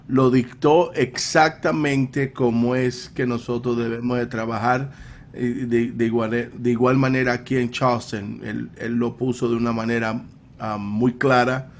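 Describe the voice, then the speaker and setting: A man who is a chaplain and Pentecostal pastor, telling a story on a panel in a slow, halting way with many fillers and repeats. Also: mid-range voice, flat delivery, slight background noise.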